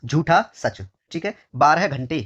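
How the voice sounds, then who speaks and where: A man's voice: lively intonation, fairly bright tone, breathy edge, highs cut off. Man repeating answers to pupils. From India. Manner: repeats each phrase slowly, keeps saying "dear children"; drops low on each answer word. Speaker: Hindi exam teacher. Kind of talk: exam question walkthrough lesson.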